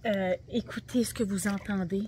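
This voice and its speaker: Québécois woman in her 40s, mid-pitched and chatty, vlogging by phone with faint noise behind. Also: steady tone, moderate pace, dark tone. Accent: Québécois French. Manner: chatty, talks straight to viewers. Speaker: vlog co-host. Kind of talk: casual travel vlog chat. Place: car interior, then backyard pool outdoors. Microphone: phone camera at arm's length.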